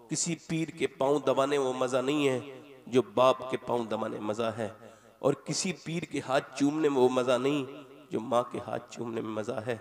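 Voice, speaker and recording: A man preaching an emotional sermon to a live gathering. He tells moral stories dramatically, swinging from loud cries to hushed pleading and acting out the voices of people in them. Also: mid-range voice. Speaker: Islamic preacher. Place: live religious gathering with an audience.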